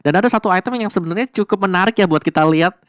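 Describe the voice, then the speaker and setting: A man's voice: high voice, racing, no room sound, clean studio sound. A man with an Indonesian accent giving live analytical commentary on an esports match.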